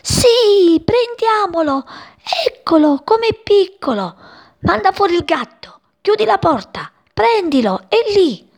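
A woman voicing a group of eager little children chasing a bird, shouting high and excited, in a children's storybook. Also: extremely slow, gravelly, pauses often, full character voice.

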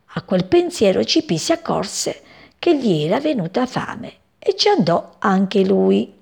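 A woman reading a children's story aloud in a gentle, expressive way. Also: mid-range voice, unhurried, gravelly, husky.

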